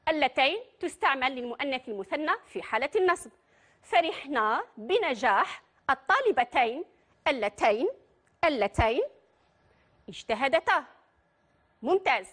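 A woman's voice: high-pitched, lively intonation, moderate pace, pauses often, a bit bright. A woman with an Algerian accent teaching a primary school grammar lesson, patient and putting questions to her pupils. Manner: patient, addresses pupils directly and asks them questions. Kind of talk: Arabic grammar lesson for children.

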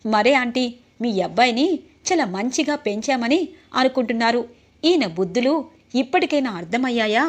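A defiant, sharp-tongued young wife from a serial, taunting her husband, read by a woman in her own voice. It sits slightly high. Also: animated, normal speed.

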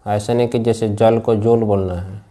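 A man teaching Sanskrit grammar to a class. He speaks slowly, repeats key phrases and keeps asking his students whether they follow. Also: on the low side, steady tone, warm tone. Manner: slow and repetitive, drills phrases and checks understanding. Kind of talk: classroom lecture with questions to students.

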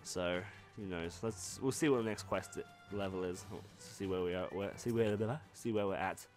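A man's voice: low voice, normal speed, soft background music. Casual man commenting on a game. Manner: rambling, self-correcting, swears casually. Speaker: let's play host. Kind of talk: casual gameplay commentary, reading dialogue aloud.

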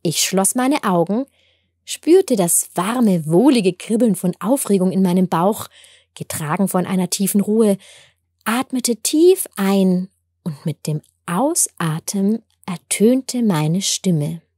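A woman narrating a gentle storybook tale in a tender, wondering way. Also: medium pitch, lively intonation, slow, husky, no echo, clean studio sound. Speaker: storyteller and author.

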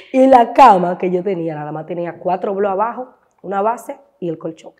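A woman's voice: mid-range voice, moderate pace. A woman with a Dominican accent, a guest on a talk show, telling her personal story with emotion and acting out remembered voices. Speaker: guest, content creator.

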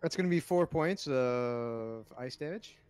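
A man playing in a tabletop game, describing his character's moves in excitable, casual talk. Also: medium pitch, a little slow, over loud music. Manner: excitable, swears, laughs easily. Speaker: player.

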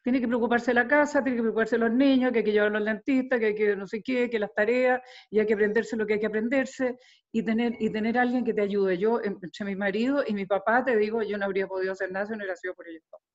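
An older woman from Chile with a Chilean accent, a singer talking in a casual interview, animated and often repeating words as she gathers her thoughts. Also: a little high, fast talker. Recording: dull lo-fi sound.

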